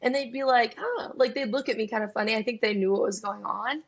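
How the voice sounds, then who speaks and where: A young adult woman, a singer-songwriter appearing as a guest, tells her story in a casual, chatty interview. Her raspy voice sits a little high and moves fast, and she uses lots of fillers.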